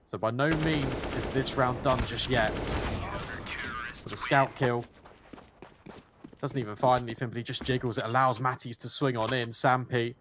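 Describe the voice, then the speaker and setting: A man's voice: medium pitch, steady tone, unhurried, long pauses. A man commentating live on an esports match as a caster, narrating the action as it unfolds. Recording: noisy, game gunfire behind the voice.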